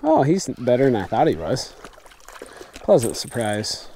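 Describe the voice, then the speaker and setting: A young man vlogging while fishing from a river sandbar at night, talking to himself in a relaxed, wry way, recorded outdoors on a camera mic. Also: mid-range voice, unhurried, slight background noise. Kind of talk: casual outdoor vlog narration. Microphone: camera-mounted mic, sometimes off-axis.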